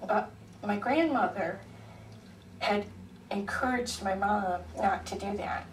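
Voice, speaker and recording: Delivering a personal testimony, this Ohio woman in her forties tells her story at an unhurried pace, with frequent ums, in a soft, slow, mid-range voice. The far mic picks up the echo of a hearing room and some faint noise.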